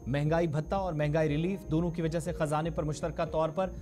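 A man's voice: on the high side, steady tone, a little fast, darkish tone. A man reading scripted television news in a formal, Urdu-flavored register. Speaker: news anchor. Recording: studio voice-over with background music.

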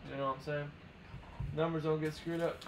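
A man's voice: fairly high pitch, flat delivery, noisy background. A man hosting a live sports-card break stream, calling out teams and names to viewers in a casual, hyped way. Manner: hyped, calls out names and spots rapidly. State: hiccups. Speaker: live box break host.

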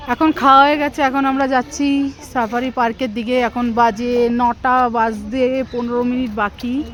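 A woman's voice: a little high, steady tone, normal speed. A woman in her thirties from West Bengal, vlogging casually as she walks outdoors with friends by a lake, filming on a handheld phone. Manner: chatty, narrating the outing as she walks. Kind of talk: casual vlog narration.

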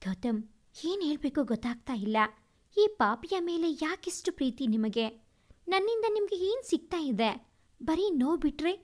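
A woman voicing a guilt-ridden young mother who speaks in a hushed, despairing way in a storybook reading. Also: high voice, sing-song, normal speed.

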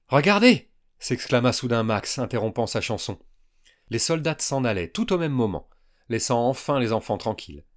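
A man calmly narrating a science fiction audiobook for young listeners. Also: medium pitch. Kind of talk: scripted narration.

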